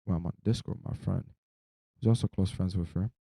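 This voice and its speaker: A man's voice: low voice, fairly even intonation, a little fast, vocal fry, warm tone, husky, dry recording, studio quality. A young man, sleep-deprived and drowsy, rambling casually through a personal story in loose slang with some swearing.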